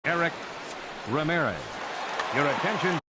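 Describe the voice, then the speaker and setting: A man voicing a ballpark announcer, heard through stadium loudspeakers with slow, drawn-out formal announcing. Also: fairly high pitch, expressive. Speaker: stadium public address announcer. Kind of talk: ballpark lineup announcements in a video game. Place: large outdoor ballpark. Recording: distant loudspeaker under loud crowd and noise. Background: loud crowd and stadium noise.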